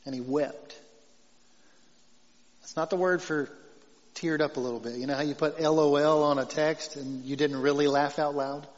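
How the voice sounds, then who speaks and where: A male pastor preaching a conversational sermon, moving from emphatic points to soft, tender passages. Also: on the high side, steady tone, a little fast. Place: church sanctuary. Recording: dull sound in a reverberant hall.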